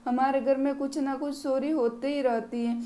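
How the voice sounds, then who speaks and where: A woman's voice: high-pitched, little pitch movement, normal speed, close to an everyday voice. A woman voicing a scolding older mother-in-law who taunts her daughters-in-law. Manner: sharp, taunting.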